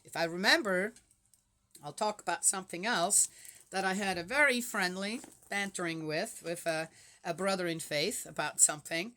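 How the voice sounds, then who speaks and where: A woman's voice: lowish voice, normal speed, bright, forceful tone. A woman, talking casually to viewers in a rambling way and firing rhetorical questions at them. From Switzerland. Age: 60s. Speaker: vlogger reading the Bible. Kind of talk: casual chatty monologue.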